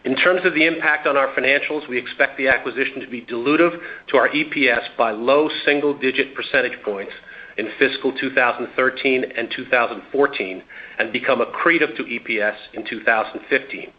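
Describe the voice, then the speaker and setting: Give me a male executive reading formal remarks over a conference call speakerphone, with muffled lo-fi sound. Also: medium pitch. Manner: formal and measured, with occasional restarts. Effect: heard over a conference call speakerphone line. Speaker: company executive. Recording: dull lo-fi conference call audio.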